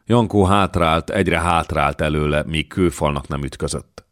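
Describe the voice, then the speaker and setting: A male audiobook reader with an extremely deep voice, narrating in a measured, even way. He is recorded close on the mic, and the sound is dry with no room in it. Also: dry recording. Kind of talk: scripted narration of a historical novel.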